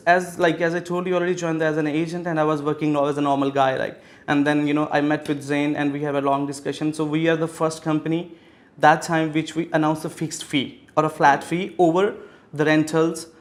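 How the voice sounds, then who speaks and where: This is a man in his thirties from Pakistan, a real estate executive appearing as a business guest. Responding to interview questions, he talks fairly quickly in a slightly high voice with little pitch movement, full of fillers and restarts.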